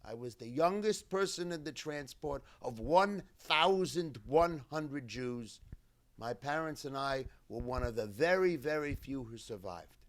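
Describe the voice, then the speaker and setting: A cantor with a mid-range male voice and lively intonation speaks at a memorial gathering as keynote speaker. In short, measured, deliberate phrases, he recounts a survivor's story in the first person.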